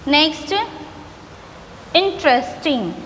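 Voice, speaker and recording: A woman teaching an English grammar lesson, explaining slowly and repeating each word. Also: high-pitched, sing-song, a bit bright. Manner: slow, repetitive explaining, mixing English words. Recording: echoey room with faint background noise.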